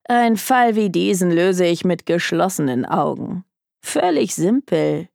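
A woman's voice: fairly low pitch, animated, moderate pace, creaky, a little mellow, dry recording, clean studio sound. A woman voicing an arrogant, bored young male detective who talks in a scornful, dismissive drawl. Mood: smug.

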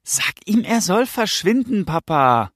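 A man's voice: high voice, big pitch swings, measured pace, fairly bright tone, no room sound, studio quality, pitched above the performer's own voice, full character voice. A man reading aloud voices a frightened young boy who urgently pleads with his father. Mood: pleading.

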